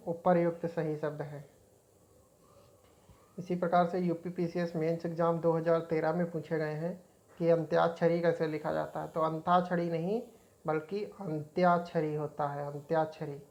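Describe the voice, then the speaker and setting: A woman's voice: low-pitched, darkish tone. A woman teaching an exam-prep spelling lesson, repeating each word as she points out right and wrong forms.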